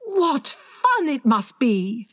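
A polite, wide-eyed young girl full of wonder, as a woman reading a storybook puts her on. Her voice is high and swoops widely, with a slow, marvelling delivery. The recording is very dry. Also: very animated, fairly bright tone, no echo, exaggerated voice. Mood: curious. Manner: breathless, wondering, high and lilting. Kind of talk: audiobook character voicing.

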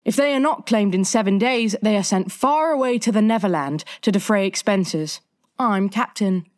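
A woman's voice: mid-range voice, normal speed, darkish tone, voice pushed up, lightly acted. A woman voicing an eager, boastful boy who never wants to grow up, for a storybook reading. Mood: breezy. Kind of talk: audiobook character voicing.

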